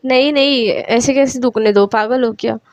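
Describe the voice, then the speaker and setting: A woman's voice: a little high, moderate pace, no room sound, highs cut off, lightly acted. A woman voicing a jealous young woman who sulks but fusses over her partner, in a spoken love story. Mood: huffy, fussing. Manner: huffy, snappish, then fussing.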